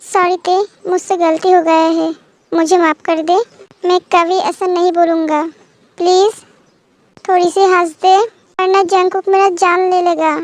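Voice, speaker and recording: A woman's voice: very high-pitched, little pitch movement, a little slow, a little mellow, no echo. A woman voicing a young male friend who apologizes and jokes in a fan-made audio story. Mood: pleading, jokey. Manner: pleading, jokey.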